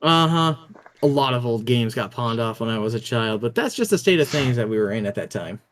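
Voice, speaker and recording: A man's voice: medium pitch, lively intonation, a little fast. Tipsy swearing male streamer. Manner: crude, swears freely. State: tipsy, slightly slurring. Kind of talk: casual gaming chat.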